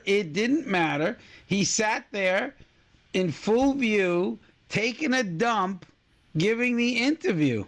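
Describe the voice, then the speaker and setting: Brief: male podcast co-host, high voice that swoops all over, jokey trivia teller. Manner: jokey, drawn-out delivery. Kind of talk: comedic trivia chat.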